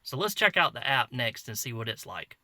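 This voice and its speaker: Male product reviewer, mid-pitch, folksy and easygoing, dry close sound. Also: very animated, fairly quick, pushed and bright, dry recording. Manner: folksy, conversational, walks through steps. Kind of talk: casual product review demo.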